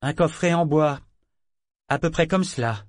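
An earnest young boy explains things gravely and carefully, voiced by a man reading a novel. The voice is lifted somewhat above the reader's own. The reading is dry and close to the mic. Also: on the high side, measured pace, dry recording, pitched above the performer's own voice, natural voice. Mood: careful, explaining.

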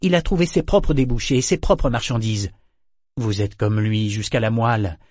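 A man's voice: medium pitch, moderate pace, dry recording, studio quality, close to an everyday voice. A man voicing a blunt, mocking sailor. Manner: mocking, needling, forceful. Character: blunt, sardonic male sailor, bitter and provoking. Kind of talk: audiobook character voice.

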